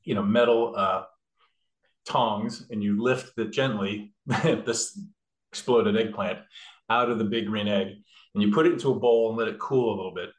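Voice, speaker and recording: A man with a voice on the low side walks through a recipe in his kitchen at a moderate pace and steady tone. His casual cooking demo is full of fillers and restarts as he explains each step, and the room sounds echoey.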